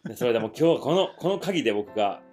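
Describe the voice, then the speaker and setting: A man's voice: mid-range voice, racing, music in the background. A man with a Kansai Japanese accent co-hosting a podcast, chatting casually and telling stories with acted-out bits of dialogue. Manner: animated storyteller, acts out quoted dialogue. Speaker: podcast co-host. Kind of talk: casual storytelling chat.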